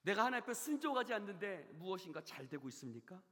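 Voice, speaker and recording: A man preaching to his congregation, with a bright, somewhat husky voice and a pitch that climbs and falls all over. He drops to near-whispers, then bursts into shouted peaks, and keeps putting questions to the listeners. The sound rings out with the long reverb of a church hall. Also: very animated, quick pace. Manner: asks the congregation questions and has them repeat phrases. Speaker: pastor. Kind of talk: Wednesday service sermon. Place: church sanctuary.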